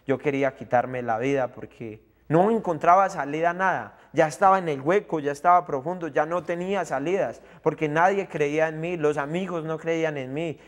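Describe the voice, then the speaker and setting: A man's voice: a little high, moderate pace, hardly any pauses. A young man with a Colombian accent giving an earnest personal testimony in an interview, acting out the voices of the people in it. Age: young adult. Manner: earnest storyteller, acts out the voices of people in his story.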